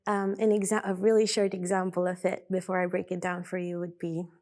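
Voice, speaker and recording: A woman's voice: on the low side, flat delivery, a little fast, a little mellow. Woman methodically explaining a beatbox technique. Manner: methodical, breaks things down step by step. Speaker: beatbox teacher. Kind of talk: instructional explanation.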